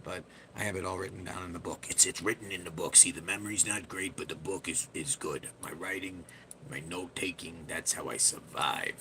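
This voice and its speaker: Rambling low-voiced male streamer. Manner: rambling, self-deprecating, loose. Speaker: livestream host. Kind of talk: casual livestream chat. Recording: steady background hiss.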